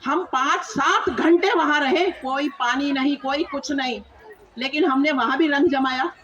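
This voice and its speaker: Woman with a high voice giving a rally speech outside, all fire and questions at the crowd. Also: unhurried, fairly bright tone, highs cut off. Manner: fiery, rhetorical questions to the crowd. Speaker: protest speaker. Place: outdoor protest rally.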